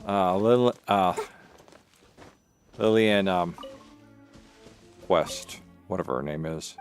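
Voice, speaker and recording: Game music plays behind a man hosting a livestream who rambles through casual commentary, half talking to himself as he plays a video game. His voice sits low and his pace is slow.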